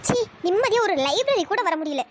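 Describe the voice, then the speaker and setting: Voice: extremely high pitch, big pitch swings, moderate pace. A performer voicing an irritable young college woman in a cartoon story, scolding and exasperated. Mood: irritated.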